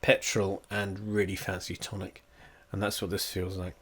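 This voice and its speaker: A man's voice: low voice, little pitch movement, moderate pace, fairly bright tone, slightly rough. A man, stuffed up and coughing, giving a meandering, profane, wry review at home. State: congested, coughing. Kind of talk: rambling casual review. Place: at home indoors.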